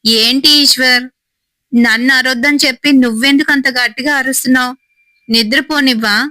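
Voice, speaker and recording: A woman's voice: sits high, moderate pace, dry recording, pitched above the performer's own voice, natural voice, poor audio. Woman storyteller doing a cranky half-asleep young wife in a ghost tale, snappish. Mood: annoyed. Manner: annoyed, scolding. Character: young wife, drowsy and irritable.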